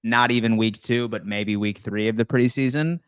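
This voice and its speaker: Guy hosting a call-in livestream, hyped and slangy, smooth clear voice, dry close mic. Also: on the low side, steady tone, normal speed, no echo. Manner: hyped, slangy, keeps saying "man". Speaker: live-stream call-in show host. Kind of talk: casual call-in chat.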